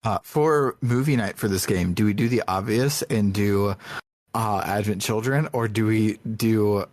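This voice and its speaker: Male speaker, slightly low pitch, casual group chat, no room sound. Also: unhurried, darkish tone, no room sound.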